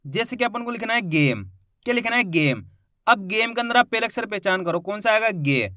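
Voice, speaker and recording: A man's voice: high voice, pushed and bright, no echo, studio quality. A man teaching Hindi reading. He sounds out each syllable, then blends them into a word, and asks questions he answers himself.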